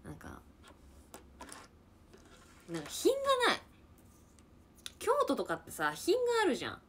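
A young woman in her twenties from Niigata, Japan, hosting a casual livestream chat and answering viewers with quick reactions and frequent laughter. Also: lowish voice, huge pitch swings, a bit bright, slightly rough. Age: 20s. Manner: chatty, reacts to comments, laughs often. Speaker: livestream host chatting with viewers.

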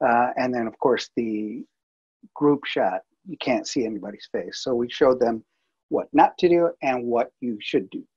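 A man's voice: medium pitch, a little slow, darkish tone, slightly rough, dull audio. A man presenting a workflow over slides in a webinar, talking casually with many fillers and restarts. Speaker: multimedia producer presenting.

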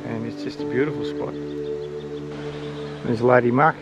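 An older Australian man with a relaxed, laid-back manner, chatting casually to camera as a travel vlogger outdoors. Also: medium pitch, moderate pace, highs cut off, loud music behind the voice. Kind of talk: casual vlog narration to camera. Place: outdoors at bush campsites and lakeside.

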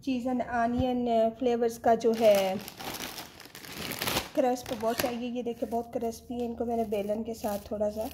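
Chatty higher-voiced woman cooking at home. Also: little pitch movement, moderate pace, background noise. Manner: chatty, addresses viewers directly, mixes in English words. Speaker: home cooking channel host. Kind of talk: step-by-step recipe demonstration.

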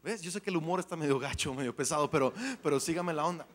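Bright-voiced animated male preacher. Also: fairly high pitch, quick pace. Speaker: pastor. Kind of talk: sermon. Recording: long hall reverb.

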